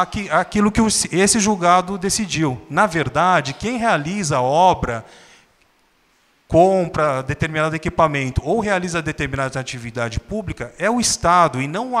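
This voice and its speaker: Man, lecturer, fairly high voice, handheld mic, long hall reverb. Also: a bit bright. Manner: explanatory, with tag questions. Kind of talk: public lecture. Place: council chamber.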